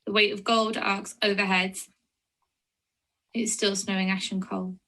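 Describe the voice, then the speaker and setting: A woman's voice: medium pitch, sharp tone. A woman from England with a Lancashire accent, a poet introducing and reading her own work. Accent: Lancashire English. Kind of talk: poetry reading with spoken introduction.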